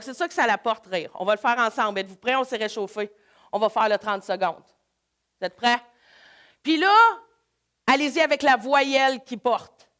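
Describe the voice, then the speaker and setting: A woman with a Québécois accent, leading a live laughter workshop in an energetic, coaxing way. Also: fairly high pitch. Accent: Québécois French. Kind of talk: live workshop talk to an audience.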